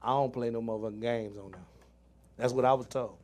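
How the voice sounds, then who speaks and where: A man's voice: medium pitch, steady tone, brisk, a little mellow. A man hosting a casual podcast, slangy and joking, laughing often. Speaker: host. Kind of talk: casual chat.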